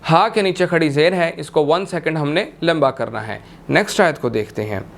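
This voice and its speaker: A man teaching tajweed, chanting verses slowly and melodically and then explaining them briskly. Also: fairly high pitch, gravelly, slight background noise. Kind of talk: tajweed lesson with chanted recitation.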